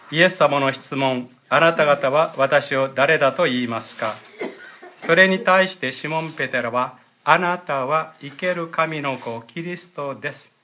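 A man giving a sermon as pastor, explaining Bible verses and their original words, often clearing his throat. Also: medium pitch, pushed and bright, slight background noise. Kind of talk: sermon with scripture reading.

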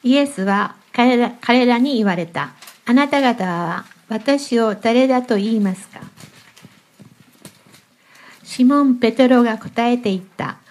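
A woman's voice: fairly high pitch, a little slow, a little mellow, poor audio. A woman from the congregation reading a Bible passage aloud, with care and a small slip. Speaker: congregation member reading scripture.

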